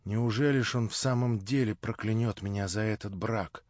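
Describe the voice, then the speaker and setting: Weary, soft-spoken young woman, read by a man, dry close audiobook sound. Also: lowish voice, moderate pace, no echo, lo-fi sound, natural voice. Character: tired anxious young woman.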